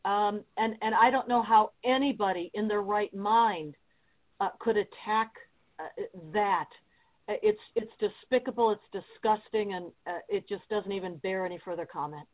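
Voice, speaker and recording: A woman's voice: medium pitch, moderate pace. Hesitant woman guest on a phone line. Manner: hesitant, many fillers and restarts, then earnest. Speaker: radio guest. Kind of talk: talk radio interview. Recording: tinny phone-line sound.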